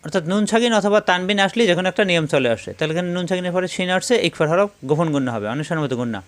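A man teaching recitation step by step, spelling out letters slowly and then chanting the verses in long, drawn-out tones. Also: high voice.

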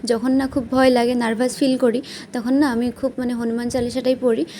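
Young Bengali woman vlogger, high and even-toned, talking through a day while feeling sick; faint noise behind. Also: fairly quick. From West Bengal, India. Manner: chatty, plain-spoken, many fillers. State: unwell with stomach pain. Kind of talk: casual vlog narration. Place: at home and out and about.

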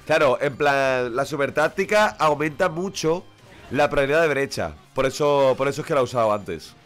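Man, sick with a cold, live game commentary, lively up-and-down delivery, mid pitch. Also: normal speed, soft background music. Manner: excitable, swears constantly, shouts at the game. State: sick with a runny nose. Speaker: streamer. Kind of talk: live gaming stream commentary.

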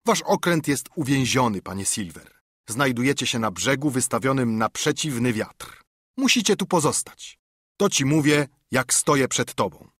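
A man's voice: medium pitch, lively intonation, moderate pace, fairly bright tone, no echo, studio quality. A man voicing a stern naval captain. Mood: defiant. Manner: commanding, curt, scornful.

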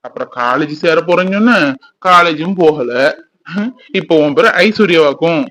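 A man's voice: fairly high pitch, moderate pace, pushed and bright, low-quality recording. A young man, playing a teasing, boastful village youth who dotes on his sweetheart. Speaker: actor in a family fan drama. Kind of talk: village romance drama acting.

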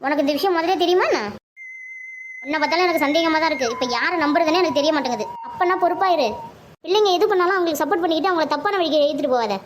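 A stubborn village mother in a cartoon, her voice squeaky and extremely high, as a woman voices her. She scolds in a fast, bitter torrent and will not be talked round. A faint hum of background noise sits behind her. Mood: defiant, angry. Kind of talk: animated family comedy-drama.

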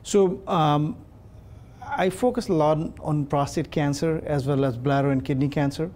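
A middle-aged urologist from Pakistan answers questions as a guest on a television studio set, wearing a lapel mic. He explains things in a measured way and uses many fillers. His voice is a little high and a little mellow.

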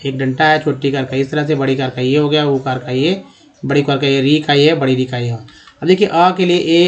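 A man explaining a lesson, slowly repeating and drawing out each sound as he talks through examples. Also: fairly high pitch. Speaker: English teacher. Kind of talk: classroom-style spoken lesson.

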